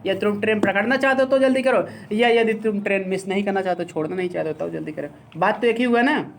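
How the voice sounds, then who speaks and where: Teaching a class an English grammar lesson, a man with a high-sitting voice explains slowly and keeps asking whether it's clear. There's a little hiss or hum on the recording.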